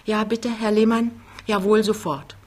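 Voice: mid-range voice, flat delivery, unhurried, darkish tone, voice pushed up, close to an everyday voice. A reader voicing an older, polite, sorrowful secretary woman.

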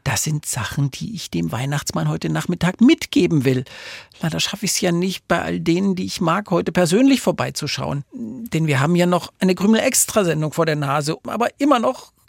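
Male children's radio host, gravelly husky voice, flustered, stammering, dry close sound. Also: fairly high pitch, animated, moderate pace, no echo.

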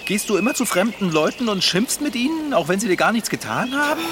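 Confused stammering bike mechanic, kids radio play, bit high, lively pitch, birds and nature behind. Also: male voice, a little fast, background noise. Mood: bewildered. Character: bewildered man with no memory, bike mechanic. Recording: outdoor nature ambience behind.

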